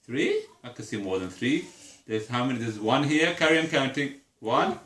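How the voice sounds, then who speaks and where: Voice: medium pitch, very animated, normal speed, a bit bright. A teacher patiently guiding a young child through counting, with simple repeated questions. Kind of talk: one-to-one early maths lesson, counting aloud. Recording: echoey room.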